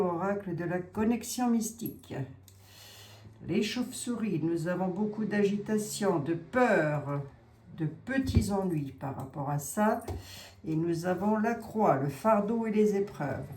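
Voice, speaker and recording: A woman with a low, dark voice gives a casual psychic card reading, musing aloud, hesitating, and repeating herself along the way. The room is echoey, with faint ambient noise.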